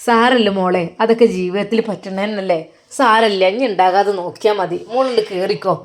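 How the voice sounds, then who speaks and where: A woman voicing a kind elderly mother, speaking warmly and comfortingly. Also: medium pitch, normal speed, natural voice.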